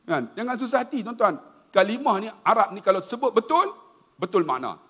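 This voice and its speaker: Speaking a little fast with a breathy edge, a middle-aged man with a Malaysian accent gives an animated, humorous religious talk in a high, expressive voice. He turns to his listeners again and again, and a long reverb from the large hall follows every phrase.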